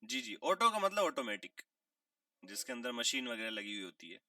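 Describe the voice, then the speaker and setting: A man teaching a vocabulary lesson, asking questions and answering them himself, repeating key words and clearing his throat now and then. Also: medium pitch, sing-song, pushed and bright, no echo, studio quality, distant mic. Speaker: English teacher.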